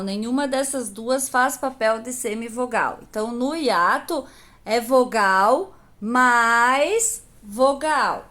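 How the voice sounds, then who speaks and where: A woman's voice: fairly high pitch, a bit bright. A woman teacher patiently explaining a grammar lesson to young pupils, asking questions and answering them herself. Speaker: primary school teacher.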